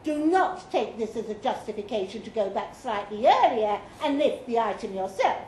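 At a live fiction event in a pub function room, a woman reads from a comic guidebook in a dry, mock-official tone with playful emphasis. Her voice is a little high, very animated and darkish, at a normal pace. The roomy, noisy live recording picks up audience laughter and room noise.

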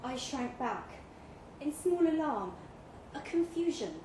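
Reading a first-person literary short story at a pub event, this woman speaks slowly in a high-pitched voice with a dark tone and big swings in pitch. The live recording is roomy, and background noise comes through clearly.

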